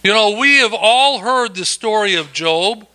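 Slow, folksy male church teacher. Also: high-pitched, lively intonation, bright, forceful tone. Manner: folksy, frequent amens, easygoing asides. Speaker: lay preacher leading Bible study.

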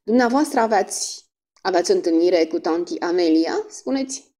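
A woman's voice: fairly low pitch, animated, mellow. Woman voicing a nervous, hesitant older husband. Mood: fumbling. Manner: hesitant, fumbling speech.

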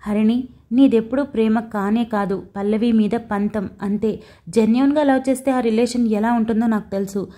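A woman's voice: on the high side, fairly even intonation, normal speed, mellow, natural voice. A woman voicing a stern young man in an audio story, firm and threatening.

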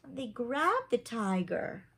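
With a slightly high, husky voice touched by vocal fry, she reads slowly and swings her pitch widely. She's a woman in her thirties doing story time for children in a small home room, voicing a picture book and asking them simple questions in between.

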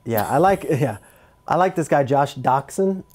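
Mellow-voiced man with a Jersey accent. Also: a little high, expressive, breathy edge. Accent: New Jersey. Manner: chatty, quick insider talk with many fillers. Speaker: NFL reporter guest. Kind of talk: casual podcast chat.

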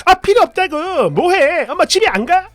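A woman's voice: extremely high pitch, big pitch swings, normal speed, pitched above the performer's own voice. A voice actor playing a furious young wife who shrieks and scolds her mother. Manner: shrieking, sharp.

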